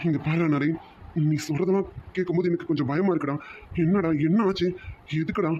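A man's voice: a little high, brisk, darkish tone, a little hiss or hum, natural voice. A man voicing a worried young man who keeps pressing his friend with insistent questions, on a dull lo-fi cartoon recording.

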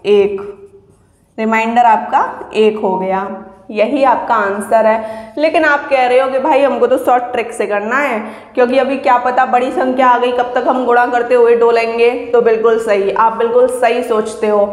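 A woman's voice: fairly high pitch, steady tone, moderate pace. A woman teacher explaining exam math step by step, patiently asking and answering her own questions. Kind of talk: exam-prep math lesson. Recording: echoey room with long reverb.

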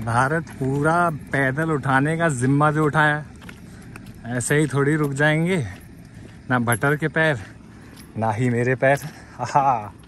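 A man's voice: mid-range voice, a bit bright, a little hiss or hum. A man talking casually to camera as a walking travel vlogger, chatting with his viewers as he walks along a road outdoors. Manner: chatty, addresses viewers as brothers and guys; talks while walking on foot. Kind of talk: casual vlog talk to camera. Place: outdoors by a roadside.

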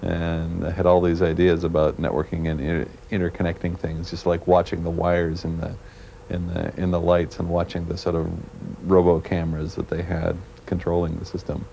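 A man from Canada, a programmer being interviewed, talking in a halting way and searching for his words, heard on a worn VHS tape copy. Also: low voice, monotone, vocal fry, mellow. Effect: worn VHS tape copy with faint hiss. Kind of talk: casual interview talk. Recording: worn tape with faint hiss.

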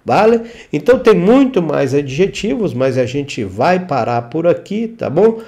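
A man teaching a language lesson over slides, repeating words slowly for pronunciation and often checking in with the learner. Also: a little high, very animated, dark tone. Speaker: Spanish language instructor.

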